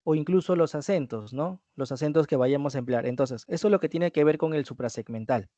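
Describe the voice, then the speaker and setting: A man's voice: fairly high pitch, a little fast, mellow, no room sound. Man teaching, checking with "¿no?". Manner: explains with repeated "¿no?" checks and restates key points. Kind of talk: online review class. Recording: dry dull lo-fi recording.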